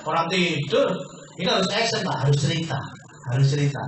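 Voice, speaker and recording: A man with a high voice works the room in a sales seminar, calling everyone sir and firing quick questions at them. His voice bounces around a big, very echoey hall. He is picked up from far off, with a faint hum of ambience underneath. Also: animated. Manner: persuasive, keeps addressing listeners as sir and quizzing them. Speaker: business opportunity presenter. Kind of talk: sales seminar pitch to an audience.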